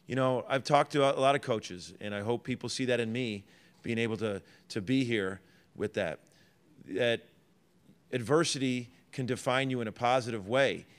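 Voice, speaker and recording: A man's voice: mid-range voice, normal speed, clear, resonant tone. A middle-aged man, a college basketball head coach, answering reporters' questions at a press conference in earnest, rambling sentences full of fillers and restarts.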